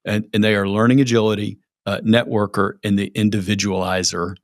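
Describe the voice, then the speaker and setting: A man's voice: lowish voice, flat delivery, brisk, no echo, clean studio sound. A man hosting a business podcast, reflecting on what his guest said and asking follow-up questions. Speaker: podcast host. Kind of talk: interview hosting.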